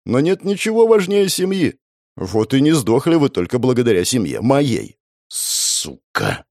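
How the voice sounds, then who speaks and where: A man's voice: mid-range voice, big pitch swings, normal speed, dark tone, no room sound, studio quality. A man narrating a first-person audiobook in a dramatic, tense way. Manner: dramatic, tense, voices the lines with emotion.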